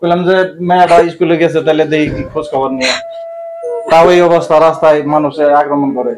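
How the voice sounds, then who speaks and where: Male actor as a struggling village father, mournful, slightly high voice. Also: steady tone, fast, faint music behind, lightly acted. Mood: lamenting. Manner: lamenting, pleading to God. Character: poor widowed laborer father, weary. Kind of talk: amateur village drama acting.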